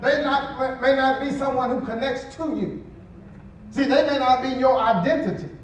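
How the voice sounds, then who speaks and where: A man's voice: extremely high pitch, moderate pace, a little hiss or hum. A man preaching a sermon as pastor, conversational, acting out quotes and chuckling as he goes. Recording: echoey church hall from a distant mic.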